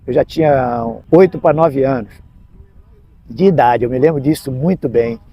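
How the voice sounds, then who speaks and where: A man's voice: medium pitch, moderate pace, slightly rough, no room sound, muffled recording. A man, a capoeira master, casually telling childhood stories and acting out quoted lines. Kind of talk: casual storytelling.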